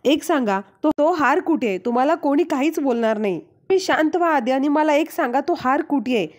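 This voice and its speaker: A woman voicing a tearful young wife who gently pleads with and calms her husband, her voice rising higher than her narration. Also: brisk. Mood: soothing.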